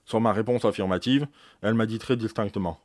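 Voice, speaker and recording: A man reading aloud as a proud, precise senior doctor, recounting events in a measured, explanatory way. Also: fairly low pitch, darkish tone, no echo, studio quality, close to an everyday voice. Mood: grave recounting. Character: eminent older male doctor, proud, precise.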